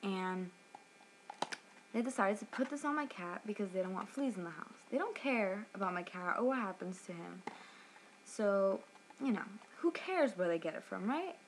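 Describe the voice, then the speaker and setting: A woman's voice: mid-range voice, lively intonation, moderate pace, a little hiss or hum. A young woman reviewing a product in an upset, sarcastic rant, swearing as she tells what happened, at home.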